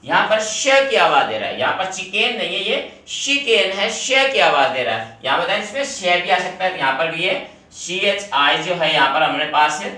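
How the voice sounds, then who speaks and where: Male teacher, bright voice, recorded off-mic in a very echoey room. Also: fairly high pitch, animated, normal speed, hardly any pauses, distant mic. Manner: explains step by step, repeats rules, addresses students directly. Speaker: English teacher. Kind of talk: classroom video lesson.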